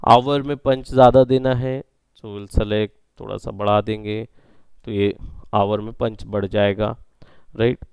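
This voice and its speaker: साफ़, सूखी आवाज़ में पढ़ाता एक आदमी. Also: male voice, fairly low pitch, level tone, a little slow, creaky, darkish tone, smooth, dry recording. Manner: explanatory, checks in often with the class. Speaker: instructor. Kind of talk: classroom lecture on sound editing.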